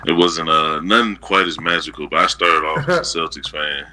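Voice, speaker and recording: A man in casual chat, telling stories in an animated, profane way. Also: very deep voice, moderate pace.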